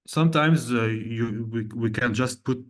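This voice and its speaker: A man's voice: medium pitch, measured pace. A man from Lebanon, a cardiologist, giving a methodical online medical lecture over slides, with frequent hesitant fillers.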